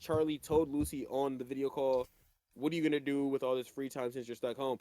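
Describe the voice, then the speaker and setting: A man's voice: medium pitch, a little fast. A man co-hosting a casual anime podcast, recapping episodes and acting out the characters' lines as he goes. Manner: animated, acts out characters' lines mid-recap. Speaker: podcast co-host.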